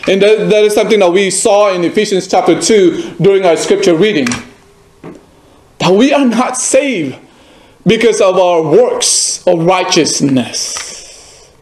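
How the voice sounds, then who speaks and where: Male pastor, high and unhurried delivery, sermon with pointed questions to the listener. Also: darkish tone. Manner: emphatic, repeats phrases, asks the listener direct questions. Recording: echoey room.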